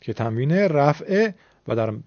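A man's voice: on the high side, lively intonation, a little mellow, no echo, lo-fi sound. Patient male recitation teacher, dry sound. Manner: patient, explanatory, drawn-out demonstration of words. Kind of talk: recorded recitation lesson.

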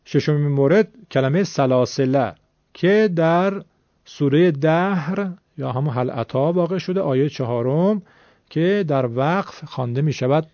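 A man's voice: on the high side, darkish tone, dry recording, muffled recording. A man teaching Quran recitation in a recorded lesson, explaining rules patiently and drawing out example words to demonstrate them.

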